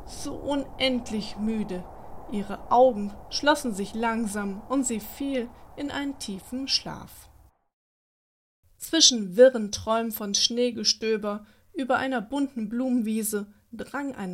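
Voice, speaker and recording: A woman narrating a scripted bedtime story for small children. Her reading is gentle and even, and her voice sits a little higher than most. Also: slight background noise.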